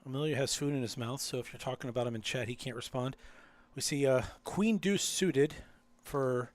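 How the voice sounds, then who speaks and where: A man's voice: mid-range voice, normal speed. Man commentating live poker. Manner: teasing, dry banter.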